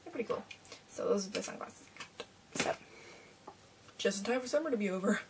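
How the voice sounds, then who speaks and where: With a medium-pitched, expressive voice that runs a little fast, a young vlogger from Canada rambles through a casual haul video, using lots of fillers. The small bedroom is captured by a webcam at desk distance, distant-sounding and faintly hissy.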